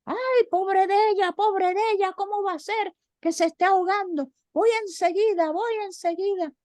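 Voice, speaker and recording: A woman voicing a flustered bewitched horseman in a folk tale, calling out loudly. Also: very high voice, normal speed, no room sound, pitched above the performer's own voice. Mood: flustered shouting.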